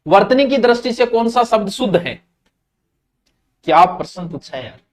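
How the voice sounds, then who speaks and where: A man's voice: sits high, expressive, normal speed. A man with a Rajasthani accent teaching Hindi grammar in a live online exam-prep class, chatting with students directly and slipping into local dialect.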